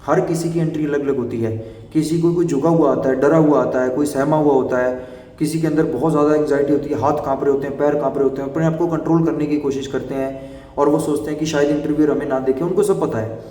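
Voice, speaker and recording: A man's voice: a little high, fairly even intonation, mellow. Young man coaching, echoey room. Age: young adult. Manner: brisk and instructive, addresses viewers directly. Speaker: teacher giving interview advice. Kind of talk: explainer video talk. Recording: echoey room, voice from far off the mic.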